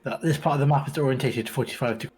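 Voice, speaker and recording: A man's voice: medium pitch, fast, darkish tone, slightly rough. A man playing a tabletop game online, sounding flustered and complaining, while his microphone keeps cutting out and his volume jumps up and down. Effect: mic cutting out, uneven volume. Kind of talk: casual play over a video call.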